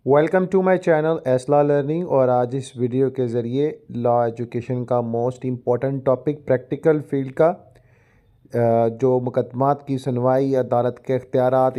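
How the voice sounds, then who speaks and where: In a warm voice of medium pitch, a Pakistani-accented man running a law education YouTube channel lectures in formal Urdu, frequently using English legal terms. His talk combines explanation with reading from a judgment.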